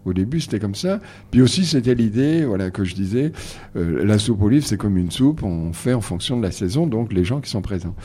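A man with a low, dark voice and a husky edge, his pitch rising and falling a lot. He hesitates and restarts often in relaxed radio chat. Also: brisk. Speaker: guest, organizer of book readings. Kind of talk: radio conversation.

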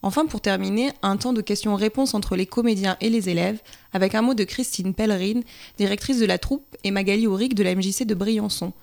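Brief: female reporter, scripted voice-over, some vocal fry. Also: medium pitch, fairly quick, darkish tone. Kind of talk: scripted news narration.

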